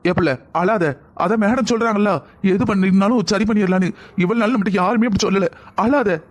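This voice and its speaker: In this cartoon voice acting, a man speaks high-pitched and fairly quickly in a natural voice. He is an anxious middle-aged father, begging in distress for help for his daughter.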